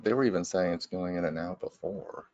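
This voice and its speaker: A man's voice: low voice, a little fast, darkish tone, highs cut off, slight background noise. Man's voice glitching and cutting out. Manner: hesitant, many ums and restarts. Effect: audio cutting out, glitchy dropouts. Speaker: weather forecaster. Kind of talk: online weather briefing.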